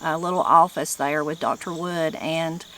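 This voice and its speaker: A middle-aged woman with a strong Appalachian accent from the mountains of western North Carolina speaks in a fairly low voice. She talks informally to her viewers in a folksy way, using regional turns of phrase. Insects chirp in the noticeable background noise. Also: fairly even intonation, normal speed, sharp tone, rough recording. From western North Carolina, United States. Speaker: online channel host and presenter. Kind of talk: informal talk to camera.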